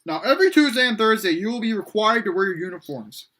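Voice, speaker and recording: A man's voice: sits high, animated, fast talker, bright, forceful tone, pitched above the performer's own voice. A man doing a stern military instructor. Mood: commanding. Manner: commanding, announcing to a class.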